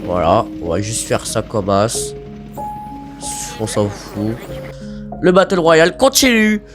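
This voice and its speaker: Excitable man commentating a game. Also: on the low side, slow pace, over music. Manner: excitable, shouts and pleads at the game, swears casually. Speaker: YouTuber commentating his own gameplay. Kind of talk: casual gameplay commentary.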